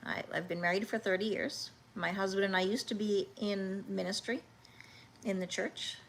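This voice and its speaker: A woman in her fifties hosting a livestream, talking earnestly and haltingly, with many restarts, as she answers viewers' comments. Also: mid-range voice, fairly even intonation, vocal fry, a little hiss or hum. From Canada. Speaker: livestream host.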